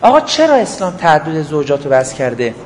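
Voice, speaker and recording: A man's voice: a little high, huge pitch swings, slight background noise. A man giving a religious lecture, firing off rhetorical questions and acting out short everyday dialogues. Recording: echoey hall, faint ambience.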